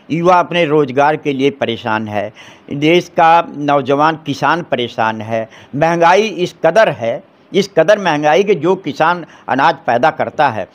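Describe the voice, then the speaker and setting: A middle-aged man, an advocate giving forceful political opinions in an interview, firing off rhetorical questions and restarting his phrases. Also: a little high.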